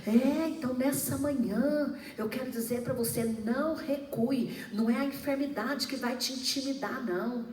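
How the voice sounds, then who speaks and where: A woman's voice: high-pitched, normal speed, hardly any pauses, darkish tone. A middle-aged woman pastor with a Brazilian accent preaching a fervent sermon, calling out to the congregation with frequent hallelujahs. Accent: Brazilian Portuguese. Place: church. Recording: echoey room, mic at a distance, faint ambience.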